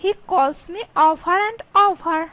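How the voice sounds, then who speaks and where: A woman teaching English sentences, reading a Bengali line quickly and then saying each English sentence slowly twice. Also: extremely high pitch, a bit bright, no echo, poor audio. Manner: slow, carefully spaced delivery, Bengali read quickly, English drawn out.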